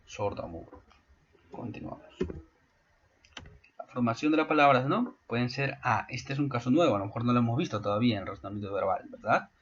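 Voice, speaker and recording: Man, school teacher, explanatory lecture, husky voice, muffled recording. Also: mid-range voice, a little fast. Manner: explanatory, frequent checking questions. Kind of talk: online class lecture.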